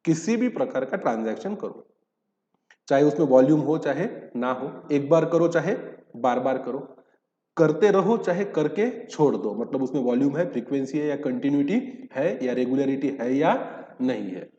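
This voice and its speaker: A teacher with a warm, medium-pitched, animated voice lectures at a moderate pace, explaining terms through questions he answers himself. He shifts between spoken Hindi and readings of English legal text, and the recording has a dull hall echo.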